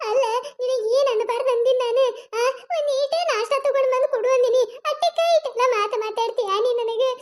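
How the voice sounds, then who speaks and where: A woman's voice: brisk, few pauses, a little mellow. A woman voicing a whiny old village mother-in-law. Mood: nagging. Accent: North Karnataka Kannada. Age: older. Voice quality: high squeaky cartoon voice, whining and nagging. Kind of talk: cartoon comedy voice acting.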